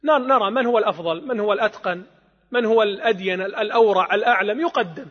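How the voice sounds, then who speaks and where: A high-pitched man gives a patient religious lesson, explaining point by point and counting along with his audience. His voice is a little husky, and it rings in a large echoey hall on a muffled, lo-fi recording. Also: racing. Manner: explanatory, counts along with listeners, demonstrates the call softly and aloud. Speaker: religious teacher. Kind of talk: Islamic jurisprudence lesson.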